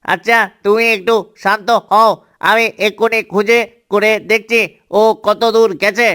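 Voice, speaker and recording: A man's voice: high-pitched, little pitch movement, moderate pace, bright, forceful tone, clear, resonant tone. A man voicing a father duck who speaks steadily while searching for his lost duckling. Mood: worried.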